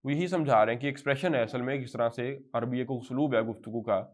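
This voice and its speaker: A man with a Pakistani accent teaching Arabic to a live class. He spells out example phrases slowly and then explains them in quick bursts. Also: mid-range voice. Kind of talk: classroom lecture.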